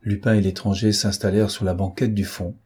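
A man narrating a novel as an audiobook, in steady, measured storytelling. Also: on the low side, husky.

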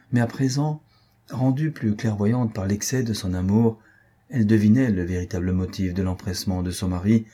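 A man narrating a novel as an audiobook in a measured, even reading. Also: lowish voice, husky.

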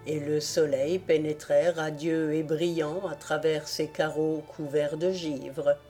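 A woman reading an audiobook tale in a measured storytelling manner. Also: low voice, warm tone. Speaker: audiobook reader. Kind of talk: scripted narration.

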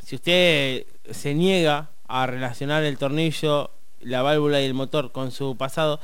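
An Argentine man teases his partner in comic banter and slides into the part of a mock therapist. His voice is slightly high and smooth. The recording is close and dry. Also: fairly even intonation, a little slow, fairly bright tone, no echo. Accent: Argentine Spanish. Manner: teasing, playing a mock therapist.

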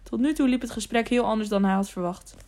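A woman narrating an audiobook with calm, steady storybook narration. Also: fairly high pitch, quick pace.

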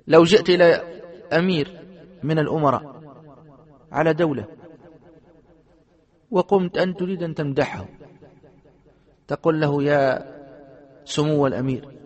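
A man, a sheikh, teaching a classroom lesson on Islamic creed. He reads a passage aloud, explains it, and keeps asking his students rhetorical questions. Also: a little high. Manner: asks the students rhetorical questions and checks they understand.

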